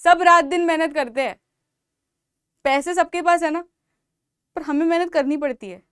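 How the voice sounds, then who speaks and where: High-voiced Indian woman teaching emphatically. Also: normal speed, no echo, clean studio sound. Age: young adult. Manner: emphatic, repetitive, motivational, calls out loudly to students. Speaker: biology teacher. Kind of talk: exam-prep lecture in Hindi mixed with English.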